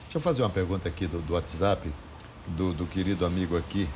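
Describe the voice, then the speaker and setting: A Brazilian man hosting an interview, chatty and quick to interject while reading out listener questions. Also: low voice, background noise. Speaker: interview host.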